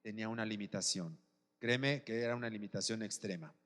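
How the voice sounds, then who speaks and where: A man's voice: fairly low pitch, brisk, a bit bright, big-room sound. A man preaching a sermon as pastor, often asking the congregation if they are with him. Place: church.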